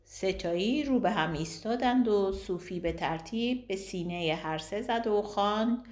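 A woman narrator reads a novel in a calm, even manner. Her medium voice sits in a roomy, echoing space. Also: medium pitch. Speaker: audiobook narrator. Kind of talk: novel reading.

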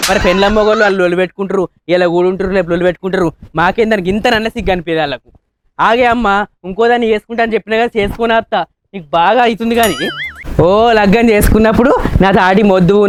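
In a comedy short film, a man plays a village husband who grumbles to himself through long, rustic, complaining monologues. His voice is high, with slight background noise.

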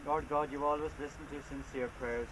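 Solemn priest praying at an outdoor graveside. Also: male voice, fairly high pitch, steady tone, over a noisy crowd. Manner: measured, formal liturgical delivery. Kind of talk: solemn funeral prayers read at a graveside. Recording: noisy, windy outdoor camcorder recording.

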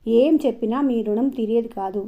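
A woman's voice: a little high, moderate pace, highs cut off, natural voice. A woman storyteller voicing a humble, grateful older widow who speaks politely and deferentially.

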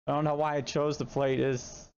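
A man doing live gameplay commentary as a streamer, excitable and slangy, talking back to the ghost in the game. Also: fairly high pitch, moderate pace. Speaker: gaming streamer. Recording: dull lo-fi stream audio with faint noise.

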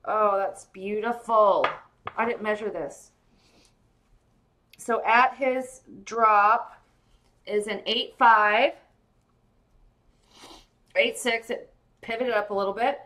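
A woman's voice: mid-range voice, slow pace, pauses often, bright, forceful tone, rough recording. A woman hosting a live pearl-opening sale, chatting casually and gushing to viewers by name. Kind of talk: casual live-stream sales chat.

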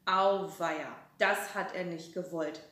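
A woman reading a children's story aloud, telling it in a calm, expressive way. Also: on the low side, takes it slowly. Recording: roomy echo.

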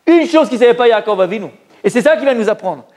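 High-voiced rabbi teaching a lively class. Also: male voice, quick pace. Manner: lively, questioning the audience, mixing Hebrew terms into casual speech. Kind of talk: informal Torah lesson to a live group.

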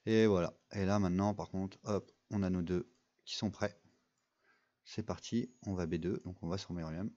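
A man's voice: low voice, steady tone, normal speed, warm tone, lo-fi sound. A young man giving casual, rambling commentary over a mobile game, full of fillers and restarts. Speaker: gaming video creator.

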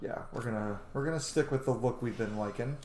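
Indoors at home, a man in his thirties streams a video game and gives casual let's-play commentary as he thinks aloud. He speaks briskly in a darkish, mid-range voice, and the recording picks up roomy sound and faint background noise.

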